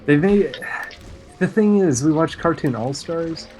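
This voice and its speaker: A man chatting casually on a stream, retelling a cartoon episode in a rambling way with frequent "uh" pauses. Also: fairly high pitch, animated, mellow, soft background music, rough recording. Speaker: stream co-host. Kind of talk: casual chat recapping cartoons.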